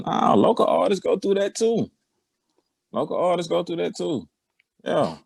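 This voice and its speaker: A man's voice: high voice, sing-song, moderate pace, vocal fry, slightly rough, no room sound. A man, a musician guest talking in a laid-back way who repeats phrases for emphasis. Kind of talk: casual interview chat.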